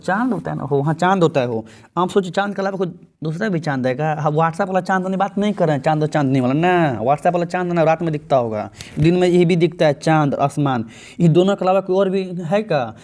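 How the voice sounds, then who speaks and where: Man, Bhojpuri-tinged Hindi, fairly high mellow voice, coaching-class teacher, keeps quizzing students. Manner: chatty, keeps asking students questions; reads English sentences slowly. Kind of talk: exam-prep grammar lesson.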